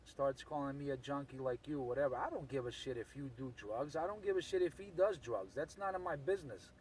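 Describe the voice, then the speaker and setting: A man's voice: medium pitch, fairly quick, a little mellow, slight background noise. A man chatting over CB radio in an aggrieved, blunt way, repeating himself for emphasis. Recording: distant voice from the mic.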